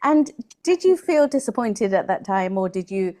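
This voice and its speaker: A woman in her forties with a mellow, rounded tone. She asks questions at a middle pitch and keeps the talk going with short listening sounds. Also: moderate pace. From England. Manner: warm interviewer with steady listening sounds. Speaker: online English tutor. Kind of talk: casual video-call interview.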